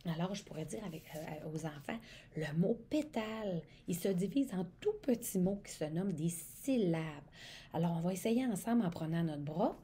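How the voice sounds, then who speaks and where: A woman's voice: on the low side, lively intonation, moderate pace, dark tone, a little hiss or hum. A woman, an educational support worker giving a demonstration lesson on reading aloud to young children, stretching words as if speaking to them.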